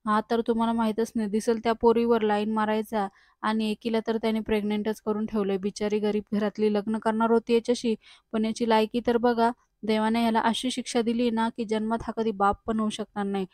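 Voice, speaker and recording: A woman's voice: a little high, level tone, brisk, darkish tone, no room sound, clean studio sound, lightly acted. A woman reading the lines of a scheming, defiant young woman who taunts and accuses others.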